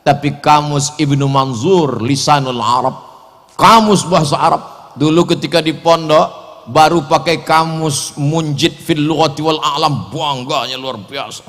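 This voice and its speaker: A man giving a lively religious lecture, joking and acting out the voices he quotes. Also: fairly high pitch, measured pace. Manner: animated, jokey, acts out quoted voices. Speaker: preacher. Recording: echoey hall.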